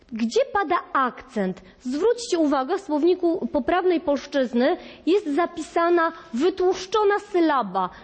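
A woman's voice: extremely high pitch, long reverb tail. A woman teacher giving a lesson, speaking directly to her pupils and instructing them. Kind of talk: classroom lesson. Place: school classroom.

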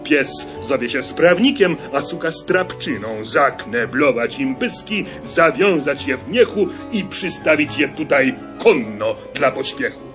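A man reading aloud and voicing a hasty old nobleman chamberlain who rattles off excited commands. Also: mid-range voice, measured pace, few pauses, over music, pitched above the performer's own voice, natural voice. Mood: eager.

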